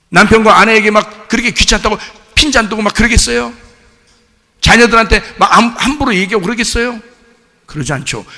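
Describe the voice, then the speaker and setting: Middle-aged guy preaching a sermon, chatty, lots of questions to the crowd, bright tense voice, big church echo. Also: high-pitched. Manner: conversational preaching, rhetorical questions, acts out quoted voices. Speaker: pastor. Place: church sanctuary. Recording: long reverb of a church hall.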